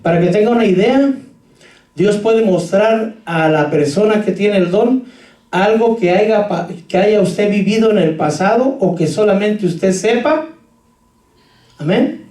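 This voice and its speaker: A man preaches as pastor in a church hall, his voice high-pitched, unhurried and dark in tone. He tells stories and speaks straight to the people gathered. Heard from a distance, the sound echoes around the room.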